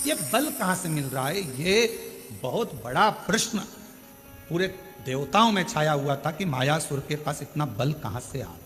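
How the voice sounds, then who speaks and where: A man's voice: a little high, very animated, normal speed, a bit bright. A man with a Madhya Pradesh Hindi accent preaching a live devotional sermon, hammering home points with repeated rhetorical questions. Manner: emphatic, repetitive rhetorical questions to the audience. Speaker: katha preacher. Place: large outdoor katha pandal. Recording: long hall reverb with faint music.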